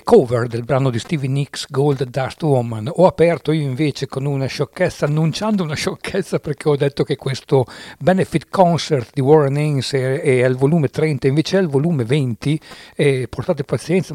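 A man's voice: mid-range voice, dark tone, dry recording, studio quality. A man hosting a radio music show, talking off the cuff in a meandering, earnest way, often searching for words and correcting himself. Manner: earnest, affectionate about songs. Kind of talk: unscripted radio music commentary.

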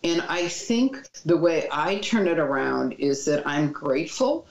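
Low, gravelly woman in an echoey room. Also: a little slow. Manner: calm, reassuring advice. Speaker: child mental health expert. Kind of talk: interview answers. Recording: dull, echoey room sound.

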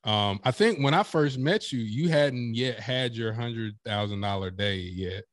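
Animated man talking business, dry sound. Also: mid-range voice, a little slow, dry recording. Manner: animated, emphatic storytelling with acted-out quotes. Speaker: podcast guest, professional speaker. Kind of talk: casual interview chat.

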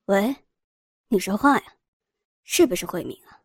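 A woman voicing an irritated young man, a fiancé speaking on the phone, brusque and hurried. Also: medium pitch, lively intonation, husky, no echo, clean studio sound, pitched below the performer's own voice. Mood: impatient.

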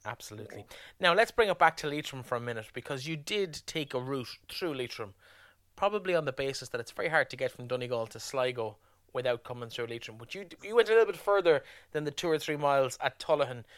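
A man's voice: medium pitch, expressive, quick pace, a bit bright, no echo, studio quality. A man with an Irish accent interviewing guests in a conversational way as host.

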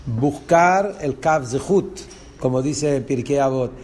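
A man's voice: mid-range voice, slow, a little mellow. A man with a Rioplatense Spanish accent teaching a lesson on a religious text. He explains step by step and asks the class rhetorical questions.

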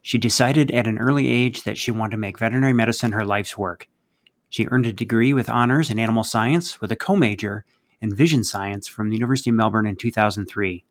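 A man hosting an interview, reading a formal introduction and asking questions in a measured way. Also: lowish voice. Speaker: podcast host.

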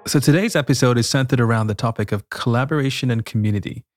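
With music playing behind him, a male podcast host talks quickly at a medium pitch. He introduces a guest and tells stories reflectively, moving between a scripted intro and casual chat.

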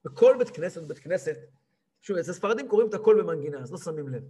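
A man in his thirties, a rabbi giving a lively weekly lesson, who acts out a cantor's chanting and scolds him. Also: sits high, breathy edge. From Israel. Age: 30s. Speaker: rabbi teaching a weekly class.

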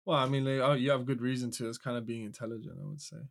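A man's voice: racing, gravelly. Laid-back English man, swearing casually. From England. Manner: laid-back, swears freely, drops into a quieter, lower voice. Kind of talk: casual podcast chat.

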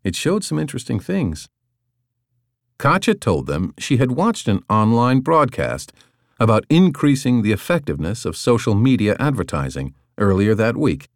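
Man, audiobook narration, low voice, lively intonation, dry close sound. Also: moderate pace, no echo. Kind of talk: scripted narration.

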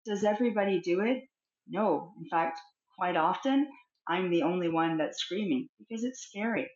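A middle-aged woman with a fairly low voice talks reflectively as a counsellor on an interview. She is expressive and acts out small scenes. The sound is roomy and a little muffled. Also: moderate pace. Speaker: guest, counsellor. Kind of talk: conversational interview.

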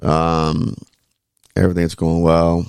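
A man with a very low voice chats in a laid-back, colloquial way on a podcast. His speech is slobbery from the braces in his mouth, and it comes with plenty of fry in a close, dry sound. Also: monotone, slow, a little mellow, dry recording. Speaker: podcast co-host. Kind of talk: casual chat.

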